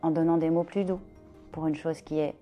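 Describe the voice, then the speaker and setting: A woman from Belgium in a casual discussion, pausing often with fillers as she weighs her words. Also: low voice, flat delivery, mellow, faint music behind. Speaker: discussion participant.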